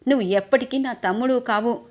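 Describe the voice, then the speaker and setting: A woman voicing a fierce young married woman who scolds loudly and indignantly in a storybook retelling. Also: a little high, fairly quick, natural voice. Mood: bitter.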